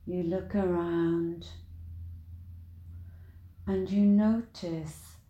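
A woman leading a guided meditation in a soothing, deliberate manner, with long pauses between short phrases. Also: lowish voice, fairly even intonation, roomy sound, lo-fi sound.

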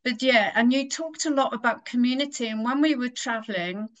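A woman interviewer from Wales, an attentive listener who responds with soft affirmations in a conversational interview. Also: fairly high pitch, fairly quick.

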